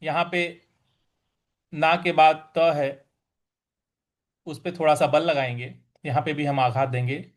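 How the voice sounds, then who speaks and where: A man teaching how to pronounce a Sanskrit verse. He patiently explains where to put stress, then chants each word slowly. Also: fairly high pitch. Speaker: teacher of Gita recitation. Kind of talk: pronunciation lesson with slow chanting.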